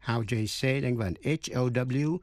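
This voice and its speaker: Guy teaching english on the radio, real slow, spells stuff out letter by letter, dry close sound. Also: medium pitch, darkish tone, no echo. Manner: deliberate, spells words letter by letter. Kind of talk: radio language lesson.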